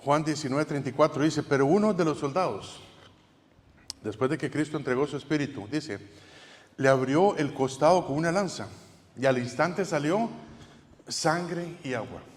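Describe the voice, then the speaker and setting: A man's voice: fairly high pitch, normal speed. A man preaching a sermon as pastor, in a conversational way with frequent restarts and tag questions. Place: church sanctuary. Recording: church hall with long reverb.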